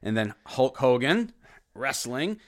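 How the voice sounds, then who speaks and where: A man's voice: medium pitch, very animated, slow. A middle-aged man hosting a podcast, chatting casually and teasing his child in a rambling, fatherly way. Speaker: podcast host.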